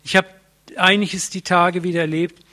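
A male preacher with a somewhat high-pitched voice delivers a sermon. He talks in a casual, lively way, tells stories with everyday slang, and keeps turning straight to his listeners with questions. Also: normal speed. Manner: colloquial and lively, addressing the congregation directly; vivid storytelling with everyday slang.

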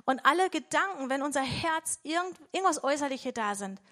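A woman's voice: high-pitched, expressive, brisk, pushed and bright. A woman preaching a devotional sermon in a conversational way, often checking in with her listeners.

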